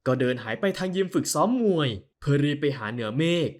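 A man narrating an audio novel in a measured, expressive way, closing with a channel sign-off. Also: medium pitch.

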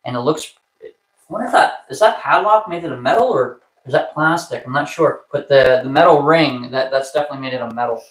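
A man hosting a toy live stream in casual chat, excited and chatty, laughing often and restarting his phrases. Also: mid-range voice, fast talker, reverberant, low-quality recording.

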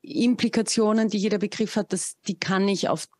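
Over a video call from a bookshelf-lined room at home, a thirty-something musician gives a relaxed podcast interview, pausing to find her words as she thinks things through. She speaks a little fast in a medium-pitched, steady, darkish voice, with no room sound at all.

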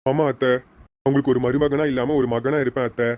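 A man playing a warm protective uncle. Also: mid-range voice, steady tone, fast talker, lightly acted. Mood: reassuring. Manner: reassuring, earnest. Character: caring young uncle and groom, protective. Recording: lo-fi with faint noise.

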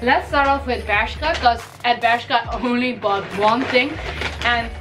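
A young adult Caribbean fashion vlogger chats upbeat through a casual shopping haul from her bedroom, talking unhurriedly over music in a slightly high voice. She has a cold, so her voice may crack.

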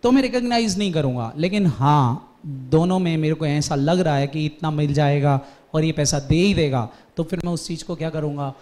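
A man with a high voice teaches a commerce class. He tells lively stories and keeps firing quick questions at his students. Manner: animated storytelling, quizzing students. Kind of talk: classroom lecture.

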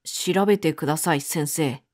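A woman's voice: low voice, a little mellow. A woman reading the lines of a stern, businesslike male police chief in a storybook. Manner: brisk, businesslike.

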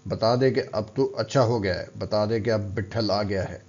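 A man voicing a gruff, stern older strongman who scolds and taunts, in a storybook reading. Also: fairly low pitch, moderate pace, a little mellow, lightly acted. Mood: commanding. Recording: dull lo-fi recording.

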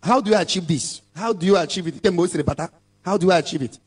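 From the stage of an outdoor church rally, a Nigerian evangelist in his thirties exhorts a large crowd in a high, husky, rapid-fire voice. He switches between Igbo and English into his handheld microphone.

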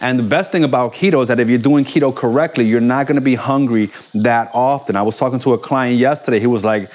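A man's voice: medium pitch, fast talker, a little mellow. A man in his forties talks through a live cooking show in a home kitchen. He is chatty and upbeat, and he keeps up an easy running banter while he cooks. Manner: upbeat, chatty, calls his partner baby.

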